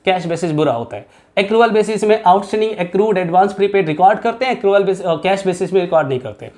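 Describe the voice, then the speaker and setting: A man's voice: high voice, a little mellow. Emphatic Hindi-speaking accounts teacher, man. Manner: emphatic, repeats key points, talks straight to students; mixes English accounting terms into Hindi. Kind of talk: exam-prep lesson to students.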